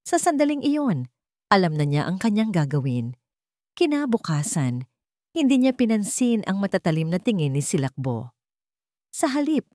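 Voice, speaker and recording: A woman with a Filipino accent narrates a scripted romance story in a mid-range, slightly mellow voice. The recording is dry and studio quality.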